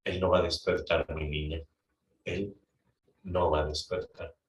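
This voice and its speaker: A man voicing a frightened young friar who urges and soothes quietly. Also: deep voice, little pitch movement, unhurried. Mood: urging. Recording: roomy, distant mic.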